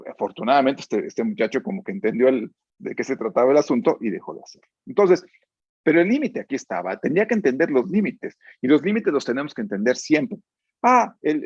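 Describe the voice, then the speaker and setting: Husky man lecturing with a Mexico City accent. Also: mid-range voice, a little mellow, no room sound, dull audio. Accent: Mexico City Spanish. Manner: keeps checking in with a questioning "¿sí?"; earnest, explanatory, uses fillers like "este". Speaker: psychologist giving a keynote lecture. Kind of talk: lecture with told anecdotes.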